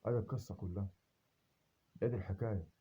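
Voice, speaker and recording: A man from Upper Egypt with an Upper Egyptian Arabic accent, delivering a defiant monologue to camera, indignant and repeating rhetorical questions that swell into loud emphasis. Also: lowish voice, fast talker, slightly rough. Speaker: self-made video speaker.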